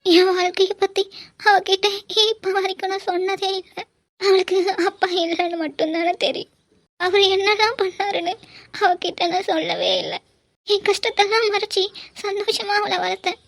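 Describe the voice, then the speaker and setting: A woman's voice: extremely high pitch, level tone, a little mellow. A woman voicing a heartbroken mother who cries and stammers over her daughter in a cartoon drama. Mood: grieving. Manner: halting, stammering speech. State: crying. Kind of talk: cartoon voice acting.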